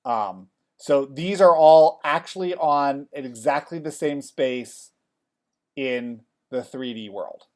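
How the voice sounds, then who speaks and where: A male college instructor in theater design teaches software in a relaxed classroom manner, speaking slowly at a medium pitch. He's chatty and frequently checks in with the class by asking "okay?".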